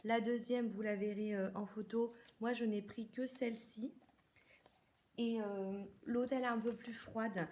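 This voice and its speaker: A woman's voice: a little high, steady tone, unhurried, dark tone. A woman from France chatting to camera about a makeup haul, talking casually with many hesitations and restarts. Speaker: beauty vlogger.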